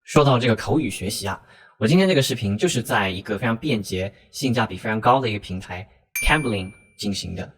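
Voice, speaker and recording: A man hosting a vlog, narrating in a measured, explanatory way and asking interview questions. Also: lowish voice, lively intonation, a bit bright, husky. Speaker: host. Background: music.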